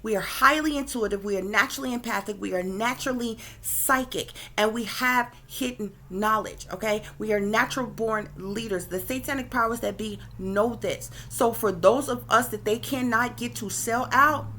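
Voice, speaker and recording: A woman's voice: on the high side, moderate pace, hardly any pauses, bright, forceful tone, slight background noise. A woman hosting a spiritual video, talking loosely with frequent fillers, restarts and a habit of asking "okay?". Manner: repeats "okay?" often, with many fillers and restarts. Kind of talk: casual spoken video lecture.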